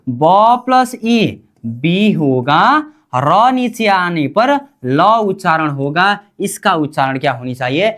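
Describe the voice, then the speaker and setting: Woman language teacher, unhurried delivery, quizzes and answers herself, drills each word again and again. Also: fairly low pitch. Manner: asks questions and answers them herself, repeats each term. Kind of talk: slow call-and-response lesson.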